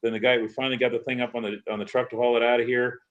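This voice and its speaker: A man's voice: medium pitch, level tone, racing. A man telling rambling stories and laughing in a casual chat. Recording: dull lo-fi sound.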